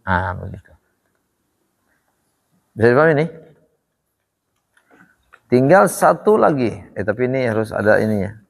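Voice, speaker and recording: A man teaching Quran recitation rules, drilling his students with repeated questions in a slow, patient way. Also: mid-range voice, lively intonation, vocal fry. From Indonesia. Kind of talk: tajwid lesson. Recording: echoey hall reverb.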